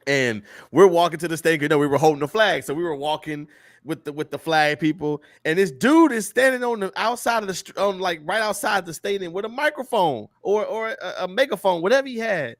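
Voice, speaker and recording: Man, podcast host, animated comic storyteller, dry sound. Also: high-pitched, brisk, dry recording. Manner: animated storyteller, laughs often, loud mock-preacher bursts. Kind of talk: casual comedic rant.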